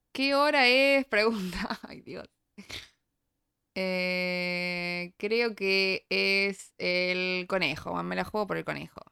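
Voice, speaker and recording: Bright giggly Rioplatense woman. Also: on the low side, creaky, smooth. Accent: Rioplatense Spanish. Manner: giggly, animated. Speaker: quiz player. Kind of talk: casual chat.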